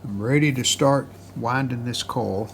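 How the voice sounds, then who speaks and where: This restoration host speaks in a mid-range voice at a measured pace, casually describing each step of his hands-on repair work. He is plain-spoken and matter-of-fact, and the recording has clearly noticeable background noise.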